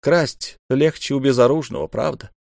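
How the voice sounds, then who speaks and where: A man's voice: mid-range voice, fairly even intonation, moderate pace, creaky, darkish tone, no echo, studio quality, voice pushed up, lightly acted. A man voicing a proud, desperate young noble duelist, pleading in heated, raised outbursts.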